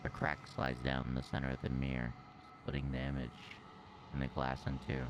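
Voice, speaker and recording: A man acts out an evil game narrator, an unhinged villain pitched far down low. The delivery is slow, sinister and mock-menacing, with some background noise. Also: monotone. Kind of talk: reading video game narration in character.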